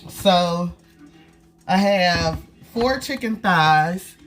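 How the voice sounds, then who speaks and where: A woman's voice: fairly low pitch, lively intonation, extremely slow, soft background music. A woman with a stuffy, nasal voice from a cold, chatting casually to viewers as she cooks in her home kitchen. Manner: chatty, talks straight to viewers while cooking. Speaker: cooking vlog host. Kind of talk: casual cooking chat.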